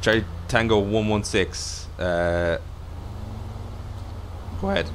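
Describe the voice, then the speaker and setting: Low-voiced police radio dispatcher, halting. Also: male voice, steady tone, a little hiss or hum. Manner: halting, repeats himself while searching for words.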